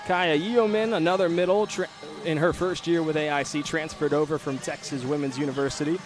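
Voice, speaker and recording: Male sports broadcaster, slightly high voice, pregame lineup read over music. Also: brisk. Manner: steady, informative read of team notes and starting lineups. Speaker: play-by-play broadcaster.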